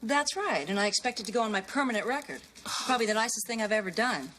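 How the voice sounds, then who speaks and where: A woman playing a brash, flirtatious woman in a 1990s sitcom, delivering sassy, deadpan comebacks. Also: on the high side, fast talker. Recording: sitcom recording with audible background noise.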